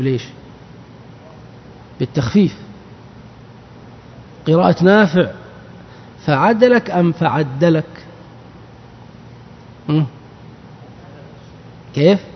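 A man's voice: fairly high pitch, a little hiss or hum. A man giving a religious lesson on scripture, explaining patiently and quizzing his listeners. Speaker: teacher of Quran exegesis. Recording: dull recording with long reverb.

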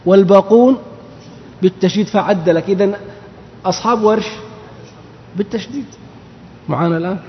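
A teacher of Quran exegesis, a man with a high voice, speaks a little fast with long pauses as he patiently explains scripture and quizzes his listeners. The recording is dull, with long reverb and slight background noise.

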